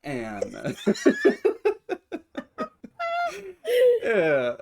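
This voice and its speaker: A man's voice: on the high side, wildly swooping pitch, extremely slow, creaky, a little mellow, a little hiss or hum. Man hamming up a fake Southern drawl. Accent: put-on Southern US drawl. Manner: hammed-up drawl, playful, giggly. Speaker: podcast co-host. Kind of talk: casual chat.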